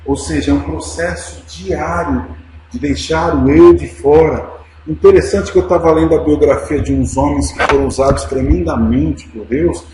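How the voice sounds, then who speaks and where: A man with a Brazilian Portuguese accent preaching a Sunday sermon, emphatic and swinging from quiet to loud, calling his listeners brothers and dear ones. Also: on the high side, moderate pace. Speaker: pastor. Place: church sanctuary. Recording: very echoey church with noise.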